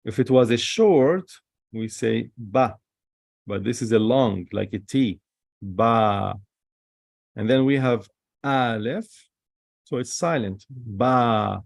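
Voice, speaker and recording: A man teaching the Hebrew alphabet, repeating each sound slowly and with non-native phrasing. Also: mid-range voice, expressive, creaky, a little mellow, no echo, studio quality. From Holy Land. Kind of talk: classroom lesson.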